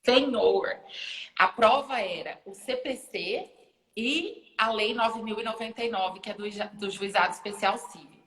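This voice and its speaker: A woman, a lawyer and university lecturer, chatting casually in a live video stream. She tells her story with animation and acts out other people's lines with big leaps in pitch. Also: measured pace, a bit bright. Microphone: phone or laptop live stream. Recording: echoey room with long reverb.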